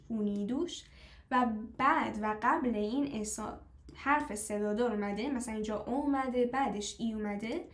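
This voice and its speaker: Female teacher, slightly high voice, patient stepwise explainer who quizzes her class; echoey room. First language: Persian. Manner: explains step by step, asks the class questions; slows down to model foreign phrases. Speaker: language teacher. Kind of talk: live online class.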